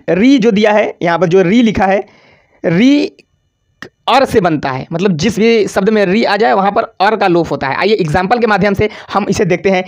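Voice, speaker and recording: A grammar teacher giving an exam-prep lesson over slides, asking the class questions and answering them, stretching out syllables on examples and repeating key words. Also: mid-range voice. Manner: casual, addresses students as "bhaiya".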